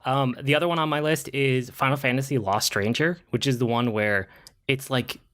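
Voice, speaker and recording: A man co-hosting a podcast, chatting casually in a relaxed, hesitant way. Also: medium pitch, moderate pace, clean tone. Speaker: podcast co-host. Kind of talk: casual chat.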